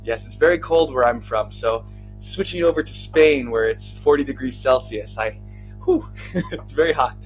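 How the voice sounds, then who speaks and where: A friendly man from Minnesota in the United States tutors English casually over a video call, laughing often and asking easy questions. His mid-range voice moves at normal speed over soft background music in a rough recording.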